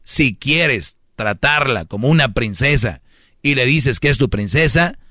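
A man's voice: medium pitch, lively intonation, a little slow, sharp tone, dry recording, studio quality. Brash slangy Mexican man. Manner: brash, slangy, lectures with acted quotes. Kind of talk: casual chat, giving dating advice.

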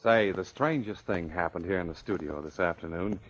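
A male radio announcer giving an excitable, gushing 1950s cereal commercial. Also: a little fast, soft background music. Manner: excitable, gushing sales pitch. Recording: dull old radio broadcast.

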